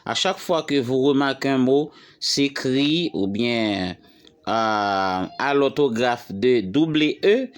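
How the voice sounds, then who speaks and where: A man teaching English vocabulary to French speakers, slowly repeating words and lifting his voice on each English example. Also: medium pitch, lively intonation, smooth. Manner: slow, repeats words for learners. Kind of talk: bilingual vocabulary lesson.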